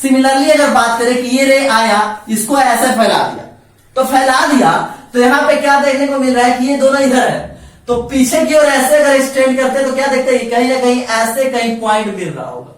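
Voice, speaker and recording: A man's voice: very high-pitched, brisk, far from the mic. Male physics teacher in a very echoey room. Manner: asks and answers his own questions, repeats key points; mixes Hindi with English phrases. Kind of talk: classroom lecture. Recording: very echoey room, mic set back.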